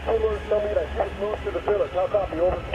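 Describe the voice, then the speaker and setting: A man's voice: sits high, fairly even intonation, racing. A man giving a clipped military situation report in procedural phrases over a crackly military radio. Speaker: assault team radio operator. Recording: muffled band-limited radio, loud aircraft noise.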